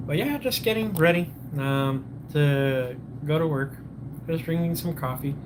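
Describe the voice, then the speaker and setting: A man's voice: fairly high pitch, noisy background. A man hosting a casual morning livestream, sipping coffee, greeting viewers and rambling, often losing his train of thought and restarting. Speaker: livestream host.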